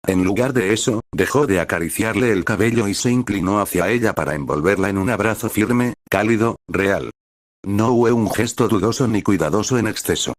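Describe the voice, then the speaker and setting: A man narrating a romance story in an even, measured reading. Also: deep voice, no echo, studio quality.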